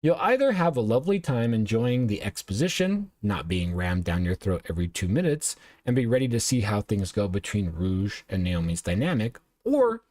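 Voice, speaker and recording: A man's voice: fairly low pitch, sing-song, moderate pace, hardly any pauses, darkish tone, dry recording, clean studio sound. A male show host casually recapping and reviewing anime episodes, rambling and often correcting himself with lots of uhs.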